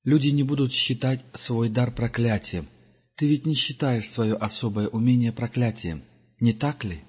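A man voicing a gentle, patient older man who speaks softly and persuasively. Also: mid-range voice, moderate pace, husky, close to an everyday voice. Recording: dull lo-fi recording.

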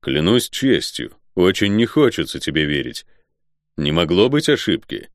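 Man voicing a grave noble, solemn, ominous, low voice, audiobook. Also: very animated, normal speed, no room sound, clean studio sound.

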